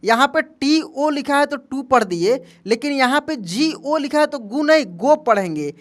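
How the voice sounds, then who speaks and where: High-voiced man teaching a spelling lesson. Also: animated, normal speed. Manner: asks quiz questions and answers them himself, calling listeners "my friend"; spells words out letter by letter. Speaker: English teacher. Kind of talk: spoken language lesson.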